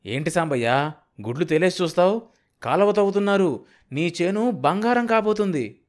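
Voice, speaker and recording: A man voicing an excited, scheming male village middleman who talks in a loud, high, insistent way. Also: moderate pace, natural voice. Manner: shouting, high-pitched and insistent.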